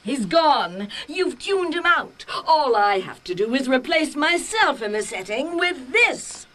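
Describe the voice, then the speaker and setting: A woman's voice: high voice, very animated, a bit bright, full character voice. A woman playing a gloating cartoon villainess, theatrical and haughty, drawing her words out in mockery. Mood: triumphant. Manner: haughty, drawn-out mocking delivery. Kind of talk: cartoon voice acting. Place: recording studio booth. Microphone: studio microphone.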